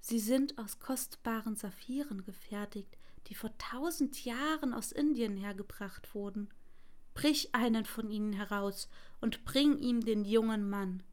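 Brief: selfless, grieving prince statue in a fairy tale, quiet and breathy, read by a woman. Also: a little high, a little slow, lightly acted. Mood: sorrowful. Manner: hushed, half-whispered.

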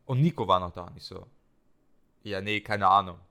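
A young man, co-hosting a casual podcast chat and telling an animated story. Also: deep voice, normal speed, creaky. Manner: animated storyteller, acts out quotes in raised voice. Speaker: podcast co-host.

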